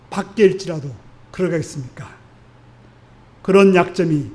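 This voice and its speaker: A male pastor preaching a Sunday sermon in an earnest, exhorting way, putting question after question to his congregation. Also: sits high. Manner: asks the congregation frequent rhetorical questions.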